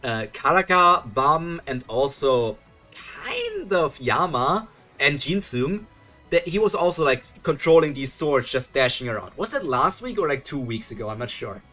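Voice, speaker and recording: Faint music plays behind a young German-accented man whose voice sits on the high side, bright and forceful, unhurried yet swinging widely in pitch. Reading a webtoon on a live stream, he chats casually, thinks aloud, restarts, chuckles, and answers chat messages.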